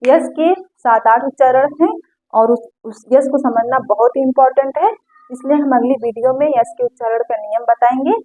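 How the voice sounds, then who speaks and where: A woman's voice: high voice, moderate pace. A woman teaching English pronunciation rules, patiently repeating each example word. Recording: tinny phone-like audio.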